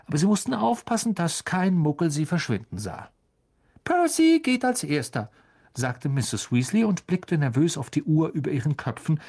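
Brief: expressive male storybook reader, animated and a bit husky. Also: on the high side. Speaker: audiobook reader. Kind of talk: audiobook narration.

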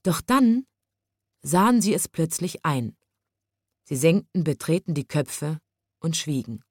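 A woman reading a children's story aloud in a calm, expressive storytelling manner, close to the microphone. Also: low-pitched, unhurried, no echo.

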